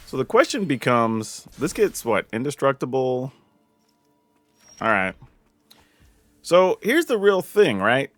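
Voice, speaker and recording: A man from the American South commenting casually on his own card game, thinking aloud and getting excited over big plays. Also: mid-range voice, dry recording. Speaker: gameplay commentator.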